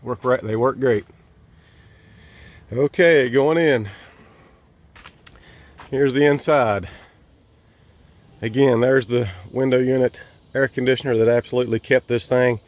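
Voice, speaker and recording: Here a vlogger shows off his campsite and large tent, recording with the mic on a handheld camera while walking. His mid-range voice keeps a steady tone, unhurried and full of frequent pauses. The manner is easygoing and folksy, with hesitant filler words throughout the casual walkthrough.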